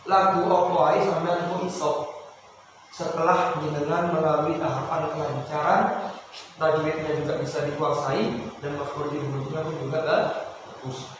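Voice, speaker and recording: Brief: Javanese male recitation teacher, slightly high, tired voice, heard from afar in an echoey hall. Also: steady tone. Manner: explains then chants verses slowly in melodic tones. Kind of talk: Quran recitation lesson with chanted examples. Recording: echoey hall, distant mic, noisy.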